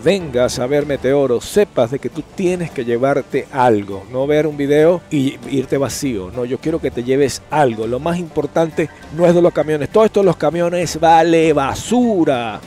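A man's voice: a little high, a little slow, hardly any pauses, darkish tone, faint music behind. A man who hosts a trucker channel, speaking outdoors and preaching to his viewers with earnest, repetitive urging. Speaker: trucker vlogger and host.

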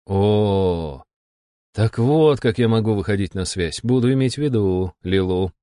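A man voicing a weary, sarcastic female demon supervisor with a husky, irritated voice. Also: lowish voice, expressive, unhurried, warm tone, no echo, clean studio sound. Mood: irritated mocking. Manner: irritated, mocking, drawling. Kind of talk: audiobook character voice.

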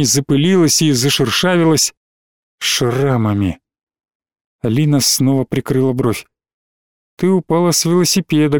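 A man reading a story aloud in a measured, expressive way. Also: a little high, no room sound, studio quality. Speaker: narrator. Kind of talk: scripted audiobook narration.

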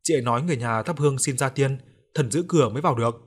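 A man voicing a young girl who can see ghosts, speaking calmly and plainly. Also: mid-range voice, rapid-fire, close to an everyday voice.

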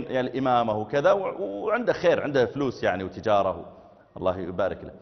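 A man giving a sermon lecture, telling anecdotes and swinging between loud and soft delivery. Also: fairly high pitch. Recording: echoey hall, dull lo-fi sound.

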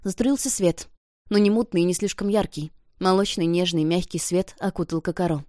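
A woman narrating an audiobook in an expressive, emotional reading. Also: fairly low pitch, brisk, no echo, clean studio sound. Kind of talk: scripted narration.

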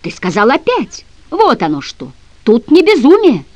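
A woman reading aloud, voicing a stern young gentleman detective who speaks forcefully and growls his demands. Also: high voice, wildly swooping pitch, a little slow, no room sound, full character voice. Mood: indignant. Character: stern commanding young male gentleman sleuth. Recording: dry, slightly dull audio.

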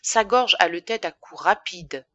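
A woman narrating a classic novel for an audiobook in an expressive, measured reading. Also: lowish voice, no echo, highs cut off.

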